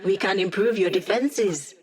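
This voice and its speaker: A woman's voice: medium pitch, unhurried, darkish tone, close to an everyday voice. An actress playing an upbeat, wry female hacker who gives a squad mission support in a video game, with playful, teasing, casual delivery. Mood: brisk, focused.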